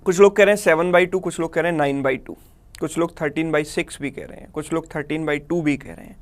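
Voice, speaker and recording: A man's voice: fairly high pitch, steady tone, fast. Man, Indian English accent, live online math teacher, step-by-step explainer who keeps checking in.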